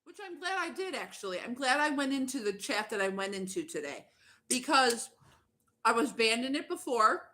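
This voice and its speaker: A woman's voice: fairly high pitch, big pitch swings, normal speed, sharp tone. A woman livestreaming as a YouTuber, chatting in a blunt, profane, fired-up rant while eating. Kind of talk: casual ranting livestream chat.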